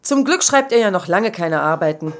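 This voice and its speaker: A young woman playing a mother and university student who gets quickly worked up talking to her son in a children's audio drama. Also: fairly low pitch, animated. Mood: exasperated. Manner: exasperated, quick to get worked up.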